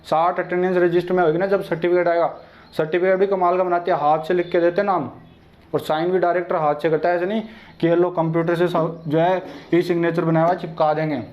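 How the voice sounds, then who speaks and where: Young man, online tutor, chatty and direct, high voice, flat delivery. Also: fast talker. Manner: chatty, addresses viewers directly and familiarly. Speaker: online exam-prep teacher. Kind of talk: casual informal lecture. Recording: dull lo-fi sound.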